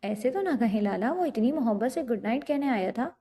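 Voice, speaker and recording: A woman's voice: fairly high pitch, lively intonation, mellow. Woman voicing a frightened stubborn young woman. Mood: timid. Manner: pleading, tearful.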